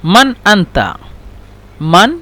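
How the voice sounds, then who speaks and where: A male Arabic teacher giving a slow lesson, repeating each phrase several times with many hesitations. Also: sits high, huge pitch swings, pushed and bright. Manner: hesitant, with many fillers and restarts. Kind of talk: slow repetitive language lesson.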